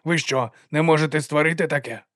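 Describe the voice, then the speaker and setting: A man's voice: a little high, brisk, fairly bright tone, no echo, studio quality, pitched above the performer's own voice, close to an everyday voice. A man voicing a curt, demanding male official. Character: cold commanding male auditor in grey.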